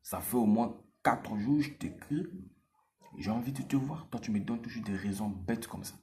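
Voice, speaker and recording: A man's voice: mid-range voice, moderate pace, warm tone, close to an everyday voice. A man doing a whiny clingy girlfriend. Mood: pleading, whiny. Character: clingy complaining girlfriend, young woman.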